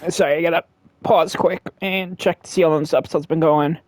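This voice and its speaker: A man's voice: a little high, fairly even intonation, fairly quick, no echo. A man giving casual, joking commentary as he plays a video game and reads its text aloud. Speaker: let's play streamer.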